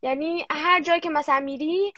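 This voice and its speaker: A woman's voice: high voice, steady tone, bright, forceful tone, no echo. A young girl guest answering interview questions casually and hesitantly, with many fillers. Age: child. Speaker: guest, young German-language creator. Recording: dull lo-fi dry sound.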